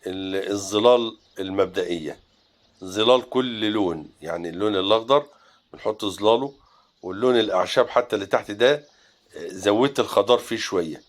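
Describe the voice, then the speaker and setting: A man with an Egyptian Arabic accent teaches landscape painting step by step. He talks in a relaxed way and pauses often to think aloud while he mixes colors. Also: on the low side.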